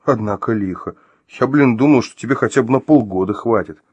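A man's voice: mid-range voice, brisk, a little mellow, husky, no echo, muffled recording, voice pushed up, natural voice. A man voicing an angry man who interrogates his ex-wife at gunpoint, growling and barking his questions in an audiobook. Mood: menacing.

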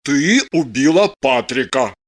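A woman reading an audiobook voices a calm, firm man who teases his lover with dry mockery. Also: a bass voice, measured pace, voice pushed down, full character voice. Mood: coolly mocking. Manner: calm, firm, dryly mocking. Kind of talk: audiobook character voice.

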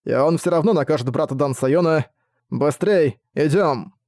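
A man's voice: on the high side, moderate pace, darkish tone, no echo, clean studio sound, lightly acted. A man voicing an anxious young male disciple who speaks hurriedly and stammers. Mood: urgent.

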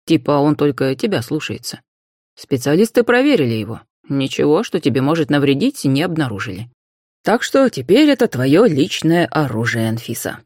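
Woman reading as a soft-spoken young man. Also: low-pitched, very animated, normal speed, no room sound, studio quality. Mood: calm. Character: young man, calm colleague.

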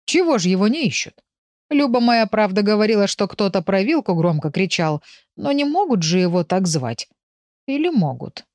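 A woman doing a jovial, folksy village man with a lively, bouncing delivery. He is heard in a dry, close recording. It is an audiobook character voice. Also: medium pitch, normal speed, no echo, close to an everyday voice. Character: good-natured village man, curious neighbour.

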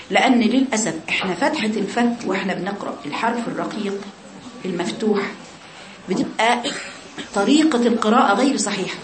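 Egyptian woman, quick recitation lesson, middle pitch, echoey room. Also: slight background noise. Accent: Egyptian Arabic. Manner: demonstrates sounds, speaks to girls. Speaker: Quran recitation teacher.

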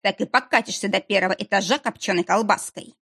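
A woman's voice: medium pitch, vocal fry, a bit bright, breathy edge. A woman reading an audiobook, voicing a big bald man who grumbles and threatens. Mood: grumbling threatening. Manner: grumbling, slow.

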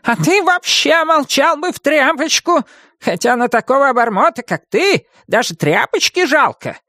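A woman's voice: sits high, animated, a little slow, fairly bright tone, no room sound, clean studio sound, voice pushed up. A woman voicing a furious, scolding old witch in an audiobook, shrieking and drawing out her angry words. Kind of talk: audiobook character voice.

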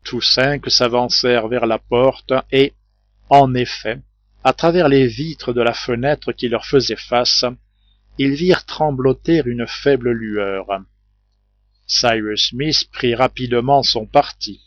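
A man reading a novel aloud as audiobook narrator, in a measured, steady scripted narration. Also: medium pitch, no echo. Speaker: audiobook reader. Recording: dull, muffled home recording.

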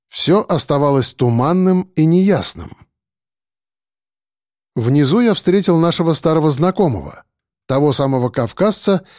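Man reading an audiobook, calm n steady, slightly high voice. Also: no echo, clean studio sound. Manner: calm, measured storytelling. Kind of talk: audiobook narration.

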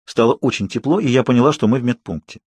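Male audiobook reader, mid pitch, measured, very dry booth. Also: a little mellow, husky, no echo. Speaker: audiobook narrator. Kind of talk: audiobook narration.

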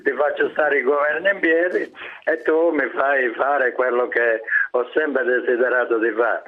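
A man's voice: medium pitch, steady tone, measured pace. A man from Calabria with a strong Calabrian accent, talking in emphatic, colloquial regional Italian as a caller to a radio phone-in. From Calabria, southern Italy. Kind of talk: casual opinionated chat. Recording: tinny phone line.

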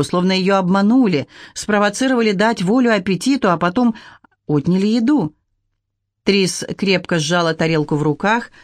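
Measured audiobook narrator, dry sound. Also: medium pitch, no room sound.

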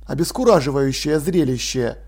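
A man narrating an audiobook in a measured, expressive reading voice. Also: mid-range voice. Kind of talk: scripted literary narration.

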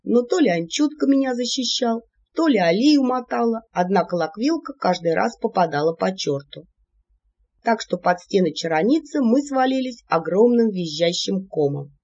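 An audiobook narrator tells a fantasy story with playful, lively storytelling and a pitch that jumps around. The voice is husky. The recording sounds dull and lo-fi. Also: normal speed.

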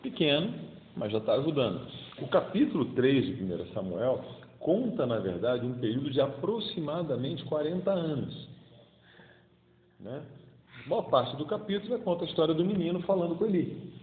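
A man's voice: on the high side, big pitch swings, normal speed, slight background noise. A man in his fifties with a Carioca accent gives a casual, colloquial daily homily and acts out the voices in the stories he tells. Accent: Carioca Brazilian Portuguese. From Rio de Janeiro, Brazil. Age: 50s. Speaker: preacher. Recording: tinny, echoey hall sound.

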